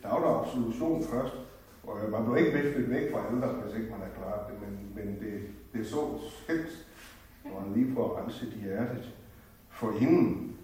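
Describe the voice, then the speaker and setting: A man's voice: lowish voice, mellow, distant mic, a little hiss or hum. An older man from West Jutland giving an earnest, heartfelt personal faith talk in a church, wandering and restarting as he goes. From West Jutland, Denmark. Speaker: lay speaker at a church gathering. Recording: very echoey church, voice from afar.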